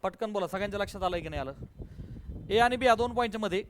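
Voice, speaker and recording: High-voiced male physics teacher quizzing students. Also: racing, a little hiss or hum. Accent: Marathi. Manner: coaxing, quizzes students, calls them बाळा and बेटा. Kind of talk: classroom lecture with questions.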